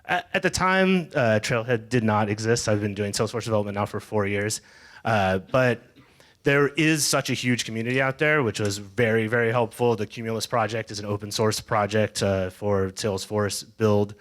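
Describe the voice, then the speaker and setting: A man's voice: on the low side, normal speed, a bit bright. A man on a developer panel, telling how he learned his craft in a hedging way, full of fillers. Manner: hedging, many "kind of" and "uh". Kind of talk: casual personal story at a panel. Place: meetup event room.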